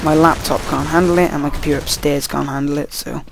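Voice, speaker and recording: A man's voice: a little high, steady tone, fast talker, creaky, noisy background. Tired young man rambling over gameplay. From Wales. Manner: rambling, easily distracted, swears at the game. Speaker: gameplay commentator. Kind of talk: casual gameplay commentary.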